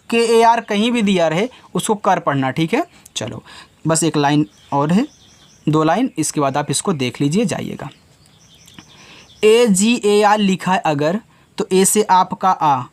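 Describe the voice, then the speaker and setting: A man teaching a reading lesson to young learners. He reads letters out slowly, one at a time, then explains each sound in a patient, steady way. He talks straight to the children, like a classroom teacher. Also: high voice. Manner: addresses the viewers as children.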